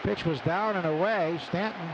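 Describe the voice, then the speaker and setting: Live on radio from a noisy outdoor ballpark, a high-voiced man gives clipped baseball play-by-play at a moderate pace. Steady ballpark noise runs underneath, and the audio is lo-fi.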